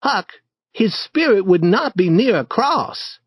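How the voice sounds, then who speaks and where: A man voicing a bold, eager boy who leads an adventure, in a raised, boyish pitch with lively storybook acting. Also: slow pace, breathy edge, no echo, exaggerated voice. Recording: dry, slightly dull recording.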